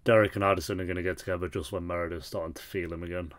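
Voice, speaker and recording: Low-voiced man giving casual commentary. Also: level tone, racing. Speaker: reaction video host. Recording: show audio and music playing behind.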